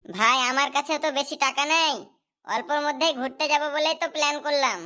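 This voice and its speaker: A woman's voice: sits high, brisk, bright, forceful tone. A woman voicing an easygoing young male friend in a cartoon.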